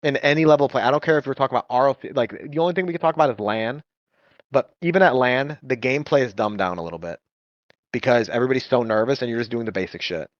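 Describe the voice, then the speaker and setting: A man talks fast and with energy, telling stories and acting out the voices of players. The recording is dry and a little muffled, with no room sound. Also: mid-range voice, dry recording. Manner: animated storytelling, acts out players' voices. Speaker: esports coach and guest. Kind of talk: casual podcast chat.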